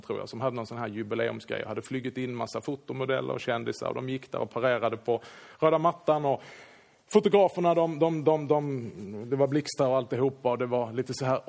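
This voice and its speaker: A man, a Swedish pastor, telling a lively anecdote in a sermon and acting out the quoted lines. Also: medium pitch, gravelly. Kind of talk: sermon storytelling.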